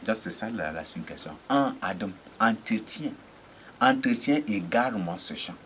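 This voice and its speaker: A man preaching a teaching sermon, halting and repeating words, often asking rhetorical checks. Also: on the low side, lively intonation, fairly bright tone, a little hiss or hum.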